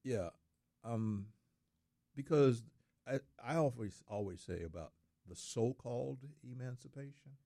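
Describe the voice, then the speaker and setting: A man's voice: mid-range voice, animated, a little slow, pauses often, mellow, no echo. A middle-aged man in casual studio talk, speaking earnestly and repeating words for emphasis.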